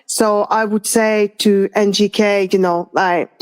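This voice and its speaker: A woman from France in her thirties co-hosts a casual chat. She talks slowly and unhurriedly, pausing often and restarting her thoughts, with plenty of fillers along the way. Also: medium pitch, steady tone, clear, resonant tone. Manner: hesitant, many fillers and restarts. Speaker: podcast co-host.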